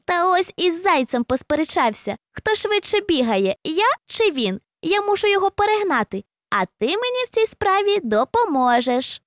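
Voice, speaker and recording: A woman's voice: very high voice, sing-song, moderate pace, dry recording, studio quality, voice pushed up. A woman voicing a clever, boastful male hedgehog in a storybook reading, sly and self-assured. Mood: sly confident.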